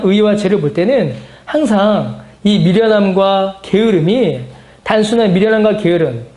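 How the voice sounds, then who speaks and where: A man with a fairly high voice teaches a Bible class as pastor. He poses questions to his listeners and answers them, repeating words for weight. The room around him is echoey. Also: warm tone. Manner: repeats key phrases for emphasis. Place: church meeting room.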